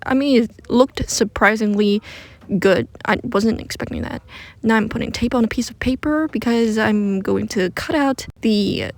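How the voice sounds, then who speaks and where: Here a woman with a slightly high voice records dry and close beneath a blanket, shutting out the room. Her voice-over for a craft tutorial is casual and modest about her own DIY skills.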